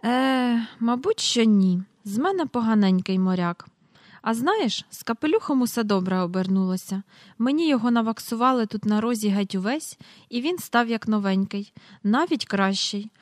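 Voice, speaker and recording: A woman voicing a mild, slightly pompous middle-aged father in an audiobook, speaking a little higher than her narration. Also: lively intonation, moderate pace, no echo, clean studio sound, lightly acted. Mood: mild, chatty. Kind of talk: audiobook character reading.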